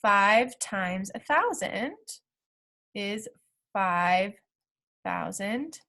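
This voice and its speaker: A woman's voice: medium pitch, expressive, very slow, gravelly, bright, forceful tone. A woman teacher talking through math problem steps aloud in a recorded lesson, checking in with the class as she goes.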